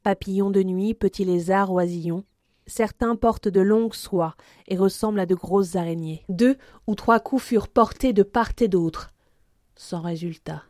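A woman reading aloud in a steady, clear voice, mixing a storybook passage with children's book text. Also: mid-range voice, dry recording, clean studio sound. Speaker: reader.

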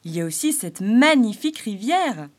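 A woman's voice: a little high, normal speed, warm tone, pitched above the performer's own voice, lightly acted. A woman voicing a cheerful male harlequin spirit bouncing on a spring, exclamatory and eager in a storybook reading. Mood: delighted.

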